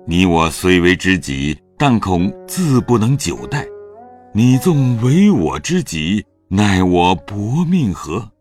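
A man with a fairly low voice tells the story slowly. His reading is expressive and the pitch rises and falls widely, with faint music under it. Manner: slow, expressive, dramatic reading. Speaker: narrator. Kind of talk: storytelling narration of a classic novel.

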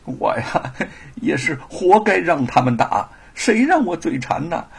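A man's voice: on the high side, very animated, unhurried, creaky, husky, heavily acted. Man voicing a stammering sheepish young thief. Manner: stammering, repeats words.

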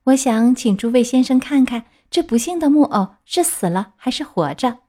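A woman's voice: high voice, expressive, normal speed, voice pushed up. A woman voicing a patient, motherly fairy coaxing a sick child. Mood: gentle coaxing. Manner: gentle, coaxing.

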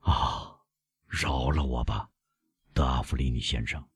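A man reading an audiobook, voicing a shaken middle-aged prosecutor who begs in a hushed, faltering voice. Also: rumbling low, a little slow, husky, no room sound, pitched below the performer's own voice, full character voice. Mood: pleading.

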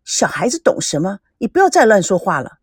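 A woman's voice: mid-range voice, very animated, fairly quick, husky, no room sound, clean studio sound. A woman doing a jovial big-brother businessman. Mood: genial. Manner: jovial and fond. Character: indulgent older brother, smooth businessman.

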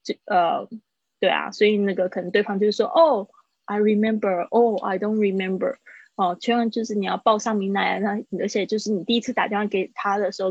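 A woman's voice: medium pitch, husky, no echo. A woman teaching an English lesson online, explaining in Mandarin and modelling each English word twice. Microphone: online call. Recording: dull, dry live-stream audio.

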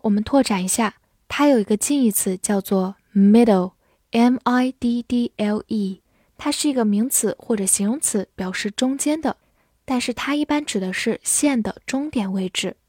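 A woman teaching English vocabulary in a slow, clear lesson, spelling each word out letter by letter. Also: fairly high pitch, darkish tone, no room sound, studio quality.

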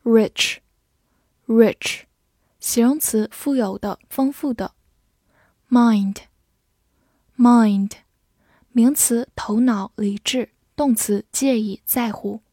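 Female vocab teacher, very slow, mellow tone, word-drill delivery, dry close sound. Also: a little high, no echo. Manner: repeats each English word twice, then clipped Chinese glosses.

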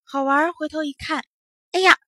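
A woman reading a children's story aloud in a sweet, expressive, coaxing manner. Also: high voice, brisk, dry recording, clean studio sound.

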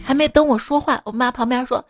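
Lively woman reading funny stories. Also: high voice, fast talker. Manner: lively, laughs at her own jokes, acts out quoted lines. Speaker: comedy podcast host. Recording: background music.

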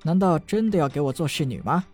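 A brash young fighter who needles his opponent with a cocky, teasing edge, as a male narrator plays him. He talks briskly in a slightly raised voice, a storybook rogue who enjoys provoking people. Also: on the high side, expressive, darkish tone, breathy edge, soft background music. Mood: taunting.

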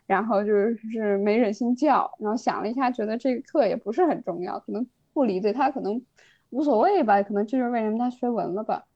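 A young woman recounting a school anecdote in lively casual podcast chat. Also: on the high side, fast, no room sound. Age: young adult. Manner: animated anecdote telling. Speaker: podcast guest. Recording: dull lo-fi dry sound.

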